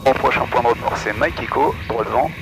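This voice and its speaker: A man's voice: medium pitch, fairly quick. A man flying a small plane, making procedural radio calls and talking through his steps over a pilot headset. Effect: heard over a pilot headset intercom. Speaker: private pilot flying solo. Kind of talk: aviation radio calls and cockpit self-talk. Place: small plane cockpit in flight. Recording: loud aircraft engine noise, cockpit radio.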